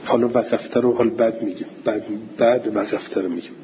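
A man teaching Arabic grammar in a classroom lecture, reciting Arabic text slowly and then explaining it. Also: fairly low pitch, steady tone, warm tone. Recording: dull lo-fi recording with faint hiss.

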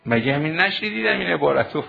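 The cleric's voice is on the high side, animated and creaky, with a little hiss or hum in the dull lo-fi audio. He preaches to seminary students, pressing them with rhetorical questions.

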